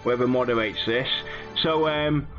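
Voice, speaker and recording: A man's voice: medium pitch, unhurried, highs cut off, soft background music. A man hosting a casual debate show, chatting and bantering with his co-host. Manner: bantering, mock-indignant when interrupted. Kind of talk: casual podcast chat.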